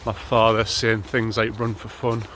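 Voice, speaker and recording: A little slow and on the low side, this voice belongs to a running vlogger in his thirties from North East England. He chats loosely on a snowy morning run, relaxed and filled with ums, recorded on a handheld camera with a touch of hiss or hum.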